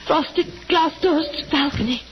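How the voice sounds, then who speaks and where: A high-voiced, frightened young wife played by an actress in 1940s radio drama style. She is exhausted and near hysteria, pushing out halting, breathless phrases. The old recording is noisy and muffled. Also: natural voice. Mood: fearful, urgent. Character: small frightened exhausted wife, hysterical survivor of attempted murder.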